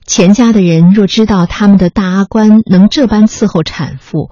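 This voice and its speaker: A narrator calmly reading a memoir aloud, in a measured storytelling manner. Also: medium pitch, dry recording. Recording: slightly muffled recording with faint music.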